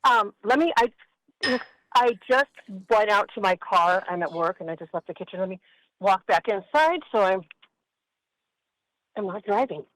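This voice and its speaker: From a kitchen at work, a resident phones or video-calls into a council meeting and tells a long story with emphasis during public comment. She's animated, medium-pitched and fairly bright, speaking at a normal pace with long pauses. The recording is rough.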